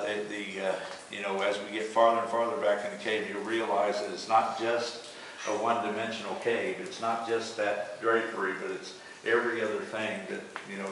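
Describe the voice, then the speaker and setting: A man with an American accent guiding a tour in a halting way, searching for words as he talks in an echoing cave. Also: on the low side, fairly bright tone. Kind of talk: guided tour talk. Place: inside a show cave. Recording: echoing cave, distant mic, faint noise.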